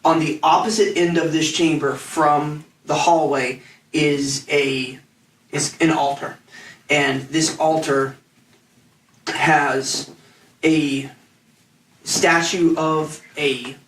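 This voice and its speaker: Halting game master, echoey and off mic. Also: male voice, fairly high pitch, level tone, fairly bright tone, far from the mic, slight background noise. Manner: halting, rambling descriptions with many restarts. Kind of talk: narrating a tabletop game.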